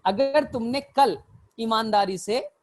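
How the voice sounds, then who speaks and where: A man's voice: very high-pitched, slow pace. A male teacher giving a botany lecture through mnemonic stories, who keeps calling his students "beta" and asks and answers his own questions.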